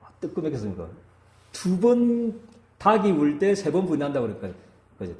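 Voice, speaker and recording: A male pastor preaches fairly quickly in a warm, mellow tone, his pitch rising and falling in lively swings. He keeps turning to the congregation for agreement, and his voice echoes as if in a church hall.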